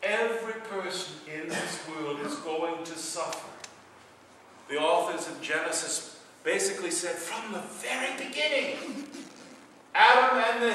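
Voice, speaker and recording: A middle-aged man, a priest, preaching a sermon with big swings between loud passages and hushed ones. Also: high voice, a little hiss or hum. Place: church sanctuary. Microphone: far camera. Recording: echoey church from far off.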